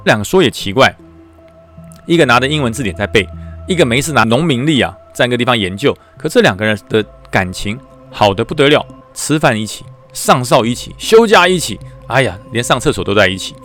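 A man with a Taiwanese Mandarin accent tells a story podcast in a lively, chatty way, recounting his army days as a battalion commander. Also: medium pitch, brisk, faint music behind. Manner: lively, chatty, acts out the voices.

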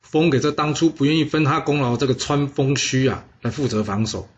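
A man's voice: medium pitch, brisk, dull audio. Chatty man telling a history story. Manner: chatty, lots of particles and asides to listeners. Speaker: storyteller host.

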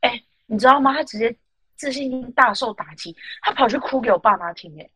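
A woman hosting a casual podcast chat, telling a story in an animated, indignant way with lots of fillers. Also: a little high, a little fast, slightly rough, no room sound, rough recording. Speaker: podcast host.

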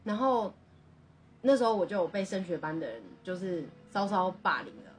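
A woman's voice: medium pitch, lively intonation, moderate pace, far from the mic, a little hiss or hum. A young woman, a podcast co-host telling a personal story in an earnest, rambling way full of restarts.

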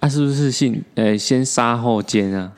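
A man's voice: mid-range voice, moderate pace. A man chatting casually on a podcast, joking and teasing his co-host and slipping into Hokkien.

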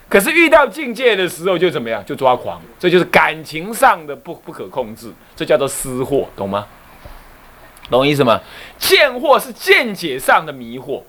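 A man, a Buddhist abbot giving a dharma lecture with animated storytelling and rhetorical questions. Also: on the high side.

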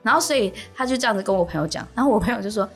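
Fast, animated woman telling a story. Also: medium pitch, slightly rough, soft background music. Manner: animated, laughs often, acts out other voices. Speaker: co-host. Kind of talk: casual podcast storytelling.

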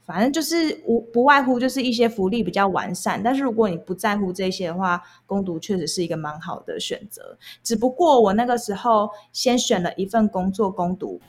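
A woman's voice: mid-range voice, brisk, hardly any pauses, slightly rough. A young woman with a Taiwanese accent, talking casually and candidly as she explains her own experiences. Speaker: guest recounting past jobs. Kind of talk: casual conversational storytelling.

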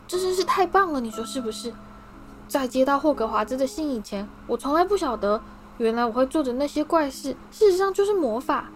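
A man's voice: very high-pitched, brisk, a little hiss or hum. A woman voicing an eager, starstruck young schoolboy who gushes and pleads breathlessly.

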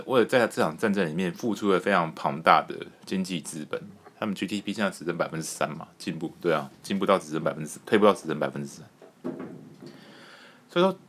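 Animated low-voiced man ranting. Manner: animated, rambling, emphatic, swears casually. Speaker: podcast host. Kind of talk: casual political commentary.

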